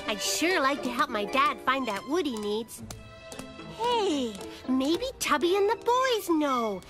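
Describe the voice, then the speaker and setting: Cartoon little girl, very high voice, lively swooping intonation, confident, quick-witted, matter-of-fact. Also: over music, full character voice. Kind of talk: children's cartoon voice acting.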